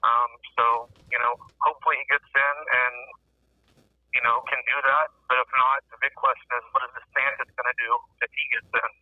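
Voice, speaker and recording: Brief: male phone-in guest, casual, even delivery, tinny muffled telephone sound. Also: mid-range voice, a little fast, dry recording. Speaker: call-in guest. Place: phone call from a detention center. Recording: muffled narrow telephone line.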